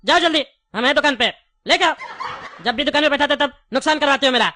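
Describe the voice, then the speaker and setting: A woman's voice: high-pitched, pushed and bright, a little hiss or hum. A woman voicing a chatty, wary male candy shopkeeper in a cartoon. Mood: scolding. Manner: chatty, wary, quick to take offence. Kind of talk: cartoon voice acting.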